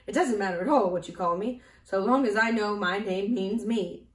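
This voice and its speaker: A woman voicing a bold, matter-of-fact female talking hen in a storybook reading, loud and emphatic, in a roomy, echoey recording. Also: medium pitch, normal speed, distant mic, natural voice. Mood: confident. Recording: roomy echo.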